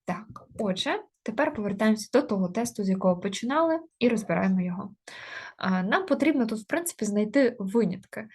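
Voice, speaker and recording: A woman teaching an exam-prep grammar lesson with a slightly husky, breathy voice. She explains step by step, often pausing on hesitations as she works through examples. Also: medium pitch, animated, darkish tone. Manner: explains step by step with many fillers.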